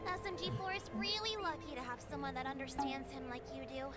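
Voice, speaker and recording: Very high sweet cartoon girl. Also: expressive, fast, a bit bright, soft background music. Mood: caring.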